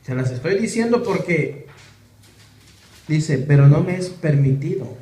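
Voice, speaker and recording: In an unhurried, warm and slightly high voice with lively intonation, a pastor preaches to his congregation in a church hall, posing many rhetorical questions. The sermon was captured by a camera or phone in the room, so it sounds echoey with faint noise.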